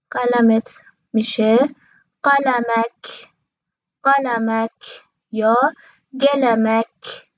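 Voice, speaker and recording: Dry, clear-voiced woman teaching a language. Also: high voice, no room sound, lo-fi sound. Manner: repeats each word slowly and clearly. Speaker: Arabic teacher. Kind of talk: language lesson.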